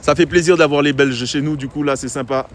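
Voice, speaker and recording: A man's voice: a little high, steady tone, fairly quick. A man giving chatty live commentary on a pétanque game outdoors, talking straight to his viewers. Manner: chatty, addresses viewers directly. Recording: faint street noise outdoors.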